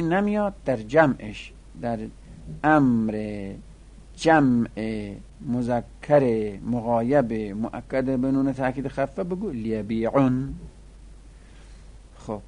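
A man teaching Arabic verb forms, chanting conjugations slowly and repeatedly in a sing-song way and stopping to correct errors in the textbook. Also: mid-range voice, a little mellow. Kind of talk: classroom lecture.

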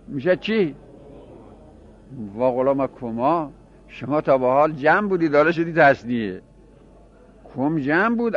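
A man's voice: fairly high pitch, dull audio. A man teaching a grammar class, explaining by repeating examples and asking his students questions.

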